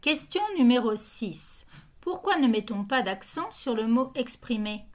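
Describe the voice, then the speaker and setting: A female quiz host narrates a grammar quiz from a script in a slightly high voice. She reads each question and every answer option slowly and evenly.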